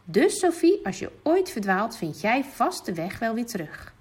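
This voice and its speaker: A woman's voice: fairly high pitch, big pitch swings, moderate pace, husky. Woman reading as a patient cheerful papa. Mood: playful. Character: patient cheerful father reading bedtime stories.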